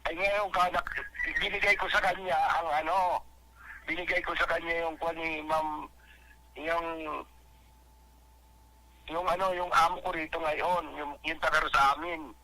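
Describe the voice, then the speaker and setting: An older man calling into a radio program, telling his side in a rambling, halting, pleading way over a phone line. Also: a little high, little pitch movement, bright, forceful tone. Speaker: caller.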